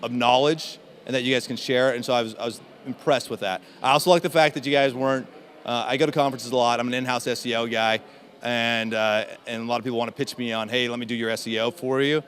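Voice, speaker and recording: A man talking as an interview guest in a casual conference chat, with many fillers and halting restarts. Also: medium pitch, steady tone, a bit bright. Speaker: interview guest, in-house SEO specialist.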